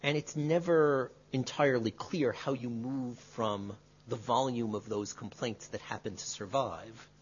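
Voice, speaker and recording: A male history professor answering an audience question in a measured, qualifying way, often adding tag questions. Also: fairly low pitch, husky. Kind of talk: academic lecture Q&A. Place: lecture room. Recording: dull lo-fi lecture recording.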